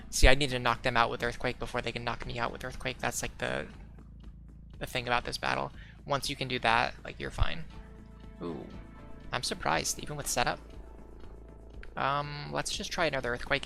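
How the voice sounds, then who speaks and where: With a gravelly, pushed, bright mid-pitched voice, a young man casually comments while streaming a game. He rambles, says "like" a lot, restarts and corrects himself, and hiccups throughout, with faint music in the background.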